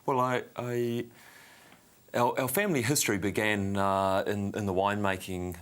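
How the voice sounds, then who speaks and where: Low-voiced New Zealand man telling stories. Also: steady tone, normal speed, a bit bright, clean tone. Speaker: winery general manager, interview guest. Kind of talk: conversational storytelling in an interview.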